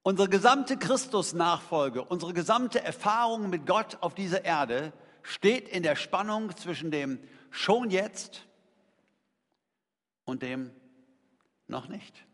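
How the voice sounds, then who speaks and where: A middle-aged man preaches a sermon in a conversational, emphatic style, tossing rhetorical questions to his congregation. His voice is high, animated, slow, and a bit bright, with the long reverb of a large hall around it.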